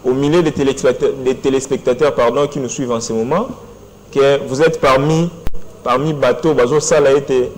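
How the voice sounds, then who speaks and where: A man's voice: medium pitch, fairly even intonation, moderate pace, slight background noise, rough recording. A man with a Congolese accent speaking earnestly as a guest on a studio talk show. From Democratic Republic of the Congo. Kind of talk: studio interview, French and Lingala. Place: TV studio set.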